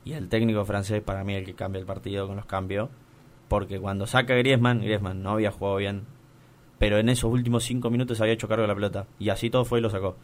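A young Argentine man telling the story of a football final he saw in person, animated, with many restarts. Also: fairly low pitch, quick pace, a little hiss or hum. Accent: Argentine Spanish. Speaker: guest recounting attending a football final. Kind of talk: casual chat.

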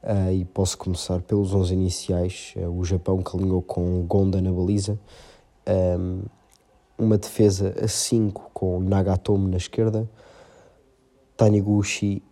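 A man with a European Portuguese accent analysing a football match, his voice a little off from being slightly ill, speaking hesitantly with many filled pauses. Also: sits low, warm tone.

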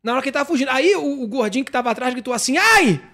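High-voiced fast-talking Brazilian man. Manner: animated, joking, acts out voices in his stories. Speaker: comedian. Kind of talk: casual podcast chat, storytelling.

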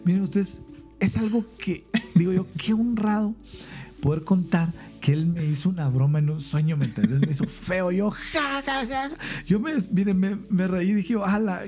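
A man on a podcast, telling lively anecdotes in casual chat and laughing often as he goes. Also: high-pitched, normal speed, faint music behind. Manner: animated, laughs while telling stories. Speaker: podcast guest. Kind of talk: casual storytelling.

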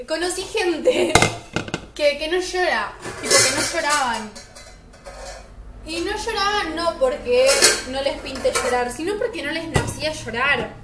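A woman's voice: high-pitched, animated, a little slow, roomy sound, heavy background noise. A teenage girl with a Rioplatense Spanish accent, talking in a chatty, emphatic spoken-diary monologue. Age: teens. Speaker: vlogger.

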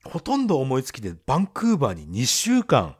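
Casting: man, podcast co-host, animated lilting delivery, laughs a lot. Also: mid-range voice, fairly quick, slightly rough. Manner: laughs often, animated storytelling. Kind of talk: casual chat.

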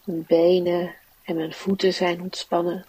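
A woman guides a relaxation exercise in a soft, soothing voice. Her tone is husky and stays level, with little rise or fall. She takes each phrase slowly. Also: fairly low pitch, little pitch movement, no room sound, far from the mic, low-quality recording. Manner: soft, slow, soothing guiding delivery. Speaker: mindfulness teacher and meditation guide.

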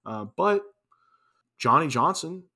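A man's voice: on the high side, lively intonation, takes it slowly, sharp tone. Wry casual podcast co-host man. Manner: loose, restarting, wry asides. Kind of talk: casual sports chat.

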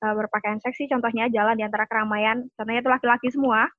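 Brief: female panelist, high pitch, dry and lo-fi recording. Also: fairly even intonation, very fast, no room sound. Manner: explains by citing an expert, polite apologies. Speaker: discussion panelist. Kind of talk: explanatory discussion.

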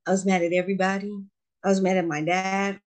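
A woman's voice: medium pitch, flat delivery, fast talker, darkish tone. A middle-aged woman gives her testimony as an interview guest. She speaks earnestly and with emphasis, repeating key phrases as she builds. Her voice sits in an ordinary middle register.

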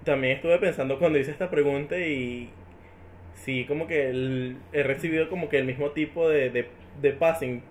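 A man's voice: a little high, fairly even intonation, moderate pace, a little hiss or hum. A man hosting a podcast, asking open questions and affirming his guest's points. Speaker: podcast host. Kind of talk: casual podcast interview.

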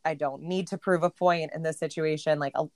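Low-voiced reflective woman co-host. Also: steady tone, brisk, no room sound, studio quality. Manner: reflective, heavy use of "like". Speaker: podcast co-host. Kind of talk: casual spiritual chat.

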